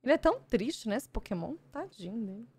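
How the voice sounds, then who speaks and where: A woman's voice: fairly high pitch, fairly quick, slightly rough. A young woman streamer with a Brazilian Portuguese accent, chatting casually while opening cards and gushing over the art. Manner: gushing, easily excited exclamations. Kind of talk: casual card-opening chat.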